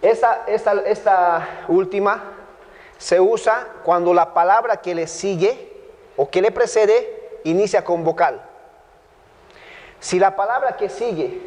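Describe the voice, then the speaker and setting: A man's voice: sits high, a little mellow, big-room sound. A man with a Bolivian Spanish accent teaching a biblical Greek grammar class, patiently repeating points and checking that students follow.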